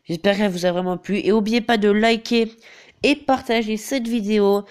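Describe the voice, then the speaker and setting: A congested teenage boy, a gaming YouTuber, walks through a game tutorial over the screen in a high, clean voice with a steady tone and normal speed. His delivery is hesitant and full of filler, with "donc voilà" coming up again and again.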